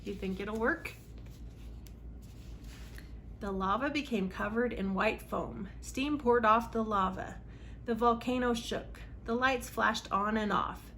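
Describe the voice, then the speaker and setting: Reading a children's storybook aloud, this host speaks on the high side, slowly and with long pauses. Her delivery turns dramatic and emphatic at exciting points, and a faint hiss or hum is audible.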